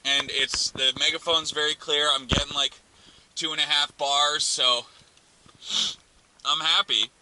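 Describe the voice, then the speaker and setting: His voice sits a little high, with fairly even intonation and a slightly slow delivery broken by frequent pauses. He's a vlogger thinking aloud during a casual, hands-on car radio installation, captured in a noisy, clicky car interior.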